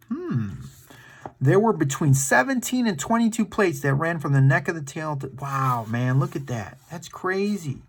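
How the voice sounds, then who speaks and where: Here a man leads a children's story time, voice on the high side, reading in a lively, playful, dramatic manner and chatting casually with the kids watching.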